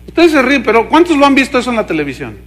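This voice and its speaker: A man with a Mexican Spanish accent, a pastor preaching a sermon in an animated, mocking way, firing questions at the congregation. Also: very high voice, rapid-fire.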